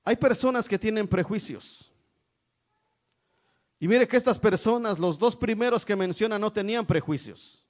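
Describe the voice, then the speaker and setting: A man's voice: sits high, moderate pace, pauses often. A middle-aged man from Mexico preaching an evangelical sermon, emphatic, calling out "brothers" again and again. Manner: repeats "hermanos" constantly, emphatic preaching.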